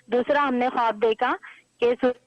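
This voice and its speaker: A woman's voice: fairly high pitch, fairly even intonation, no room sound. A woman phoning in to a show, hesitant with fillers, over a dull phone line. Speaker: caller.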